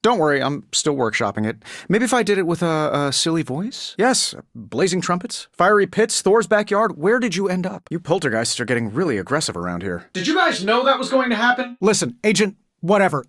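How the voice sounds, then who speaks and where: A wisecracking male armored inventor hero from a video game. His voice sits a little high and swings freely in pitch as he delivers glib, self-assured quips. The sound is close and dry. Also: sing-song, brisk, hardly any pauses, fairly bright tone, no room sound, exaggerated voice. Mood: battle-ready, sharp, then commanding.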